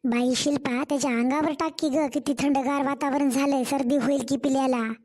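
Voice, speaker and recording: A woman's voice: sits high, steady tone, brisk, darkish tone, close to an everyday voice. A woman voicing a fussing village mother. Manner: fussing, coaxing. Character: older village mother, doting and worried. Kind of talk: cartoon story voice acting.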